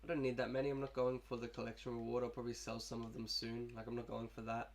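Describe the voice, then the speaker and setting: His mid-range voice is creaky, completely flat and fast. A coughing young YouTuber with a cold chats loosely through his video game team in casual gameplay commentary.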